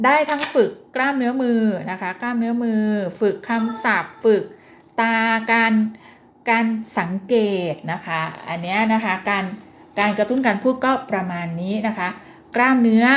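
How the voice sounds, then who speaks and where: Gentle Thai teacher, higher voice. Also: female voice, slight background noise. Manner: gentle, coaxing, often ends phrases with polite particles; slows down and exaggerates words when modelling speech for a child. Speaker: child speech development teacher. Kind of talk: parenting advice lesson.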